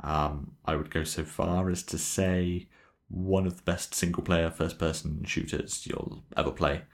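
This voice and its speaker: Very deep-voiced man chatting enthusiastically. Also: fairly even intonation, a little slow. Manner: enthusiastic, laughs often, swears casually. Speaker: podcast co-host. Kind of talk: casual gaming podcast chat.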